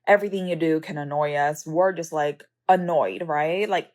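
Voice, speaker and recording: A woman's voice: deep voice, normal speed, a little mellow. A woman talking casually in a clip, chatty and full of "like" fillers. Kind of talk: casual interview answer.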